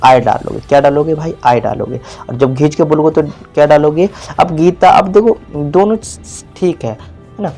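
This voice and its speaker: Speaking at a normal pace over soft background music, a male teacher gives a classroom-style spelling lesson. He repeats words, quizzes the viewer and elongates vowels, his voice a little high and mellow.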